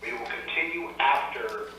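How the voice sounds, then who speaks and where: A man making a formal announcement over a school intercom loudspeaker. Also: mid-range voice, moderate pace, slight background noise. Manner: formal, repeats key information. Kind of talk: public address announcement. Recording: distant echoey loudspeaker in classroom.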